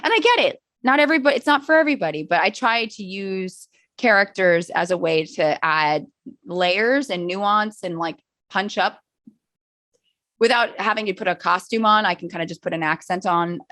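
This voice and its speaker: A woman talking as a podcast guest in casual conversation, animated and joking, often restarting her sentences. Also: mid-range voice, normal speed, dry recording, studio quality.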